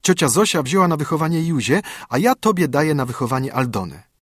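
Brief: man playing a tender, eager little girl, high and quick, husky grain, dry close sound. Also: big pitch swings, fairly bright tone, no room sound. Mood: earnest. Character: sweet excited little girl gifting her doll.

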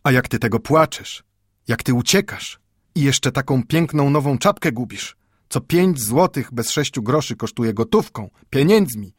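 A man's voice: fairly high pitch, sing-song, husky, no echo, studio quality, pitched above the performer's own voice, heavily acted. A man voicing an old grandfather, a stern but tender bookbinder, who speaks emphatically with a Yiddish-inflected Polish accent and repeats his points insistently. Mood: scolding. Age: over 60. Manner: emphatic, repetitive scolding with drawn-out exclamations.

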